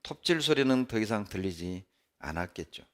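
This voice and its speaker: A male pastor delivering a sermon in a church, emphatic, with sharp rises and falls. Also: on the low side, normal speed. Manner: animated, emphatic preaching with sharp rises and drops.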